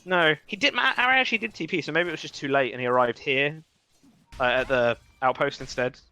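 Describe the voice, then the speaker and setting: A man commentates a live esports game with a bright, fairly high voice. He is chatty and wry, jumping quickly on each play. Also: clean tone. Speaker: esports caster.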